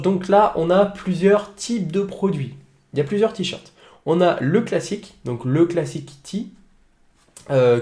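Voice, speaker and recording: A man's voice: mid-range voice, mellow, echoey room. Young man giving a hesitant screen tutorial. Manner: hesitant, many fillers and restarts. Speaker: online business tutor. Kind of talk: screen-recorded software tutorial. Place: home office with a noisy computer.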